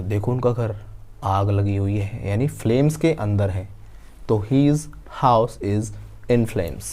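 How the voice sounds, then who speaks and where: A man teaching English prepositions, acting out short everyday dialogues and spelling out English phrases slowly. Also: mid-range voice, mellow. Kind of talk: spoken English lesson.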